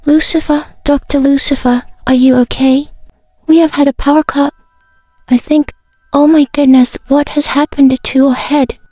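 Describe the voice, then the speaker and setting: A woman voicing a fussy, flustered female secretary who talks in a fast, alarmed rush in a spoken horror story. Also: high voice, flat delivery, warm tone, no echo, soft background music, pitched above the performer's own voice, lightly acted.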